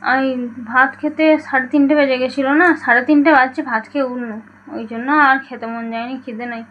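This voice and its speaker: High-voiced chatty woman vlogging at home. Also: little pitch movement, fast talker, lo-fi sound. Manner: chatty, addresses viewers as friends. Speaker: lifestyle vlogger. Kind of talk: casual home vlog chat. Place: home at night.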